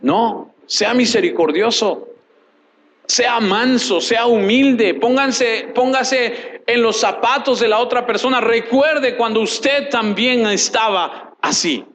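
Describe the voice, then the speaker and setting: A man preaching a sermon as a pastor. He asks questions and answers them himself, repeats short phrases for emphasis and reads scripture aloud in a measured way. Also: very high-pitched, a bit bright, poor audio. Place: church.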